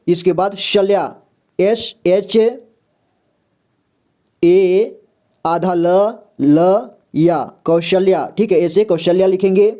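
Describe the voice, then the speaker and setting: A man with a Hindi accent teaching a slow, step-by-step spelling lesson and often checking in with the listener. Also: high-pitched, dark tone. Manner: slow and repetitive, often says "theek hai". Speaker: English reading teacher.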